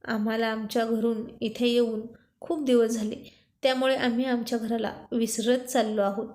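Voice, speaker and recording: A woman's voice: fairly high pitch, flat delivery, moderate pace, darkish tone, lightly acted. A woman voicing an easygoing young brother-in-law who jokes lightly. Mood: joking.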